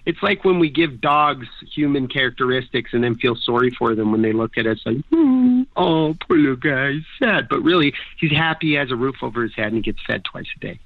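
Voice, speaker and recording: A man's voice: medium pitch, fast talker, few pauses, dry recording. A man from Canada, in his thirties, telling rambling, jokey stories in casual podcast talk. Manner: animated, jokey, rambling storyteller. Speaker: guest snowboarder. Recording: dry, tinny phone-like audio.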